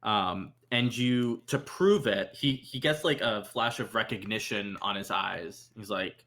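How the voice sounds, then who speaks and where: A man narrating as game master of a tabletop role-playing game, relaxed and hesitant, with many ums and restarts. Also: on the low side, measured pace.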